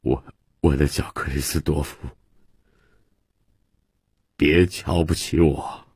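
A man's voice: rumbling low, fairly even intonation, takes it slowly, darkish tone, slightly rough, no room sound, clean studio sound, heavily acted. A man voicing a self-pitying drunken father who hesitates and begs his son not to despise him. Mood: pleading. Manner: mumbling, pleading and hesitant.

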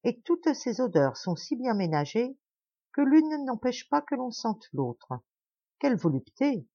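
A woman's voice: on the high side, big pitch swings, unhurried, mellow, dry recording, dull audio, pitched above the performer's own voice, heavily acted. A woman voicing a starving, polite poor man who effusively praises imaginary food for his host, in an audiobook tale.

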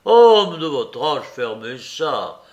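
A man's voice: a little high, animated, a little slow, fairly bright tone, dull audio. A man voicing a brusque, irritable office clerk who scolds and snaps at a colleague. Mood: shouting. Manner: curt, scolding, snapping.

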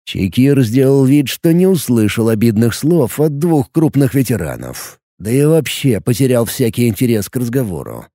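A man narrating a fantasy audiobook with an expressive storytelling delivery. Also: mid-range voice, normal speed, hardly any pauses, no room sound, studio quality.

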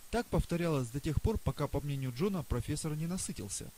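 A man's voice: fairly high pitch, animated, fast, warm tone, rough recording. Man reading an audiobook. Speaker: audiobook narrator. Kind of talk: scripted narration. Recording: faint hiss.

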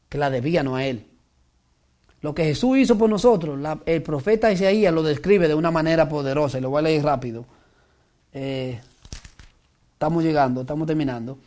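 A man with a high voice preaches a sermon. He reads scripture aloud and keeps asking his listeners questions to draw them in. He breaks into emphatic, rising bursts and often starts a thought with the English word "so.". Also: a little mellow. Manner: preaching with frequent rhetorical questions, code-switching "so".

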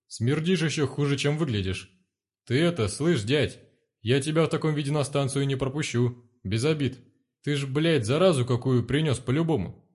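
A man's voice: mid-range voice, normal speed, darkish tone, slightly rough, close to an everyday voice. A man voicing a jumpy young male station guard who pleads and whines in a panic. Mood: disgusted.

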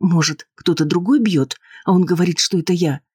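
A man lifting his voice to play a nervous, insistent wife, pitched well above his usual register, husky and sharp-edged. She pleads and snaps defensively, in a dry, close recording of an audiobook. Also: brisk, dry recording. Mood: agitated. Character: anxious, insistent wife, adult woman.

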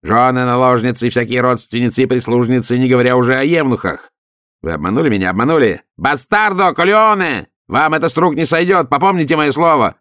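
A man voicing a scheming, excitable Italian police chief, a count who wheedles and then bursts into loud shouting. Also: mid-range voice, fairly quick, no room sound, clean studio sound. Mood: furious. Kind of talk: audiobook character voice.

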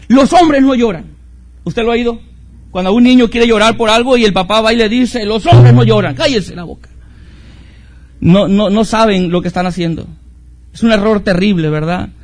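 A middle-aged man preaching as a pastor, earnest, with rhetorical questions and repetition. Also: high-pitched. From Mexico. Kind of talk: sermon.

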